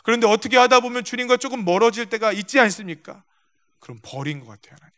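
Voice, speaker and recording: A man's voice: very high-pitched, animated, quick pace, a bit bright. A male pastor preaching a sermon in a church, telling stories, acting out quotes and speaking directly to the congregation. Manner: storytelling with acted-out quotes. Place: church sanctuary.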